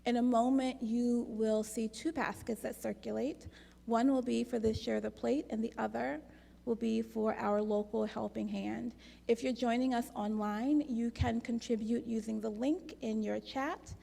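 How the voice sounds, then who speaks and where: Woman worship leader, slightly high and gravelly, measured delivery, long hall reverb. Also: fairly even intonation, warm tone. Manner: measured and deliberate, with dry asides. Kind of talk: addressing a congregation during a service. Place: congregation's sanctuary.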